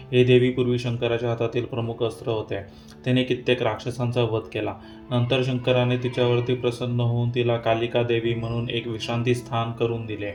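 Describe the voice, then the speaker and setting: A man recites a devotional scripture chapter at a steady pace, stumbling now and then. His voice sits at a medium pitch and stays flat and even. Faint instrumental music plays behind him. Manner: steady recital with small slips and fillers. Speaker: reader of scripture.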